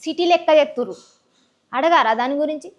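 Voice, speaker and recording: Very high pitched telangana woman talking blunt and fired up in an interview. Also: a little fast, muffled recording. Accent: Telangana Telugu. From rural Telangana village. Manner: blunt, outspoken, impassioned. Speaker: guest, social media personality. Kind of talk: candid interview talk.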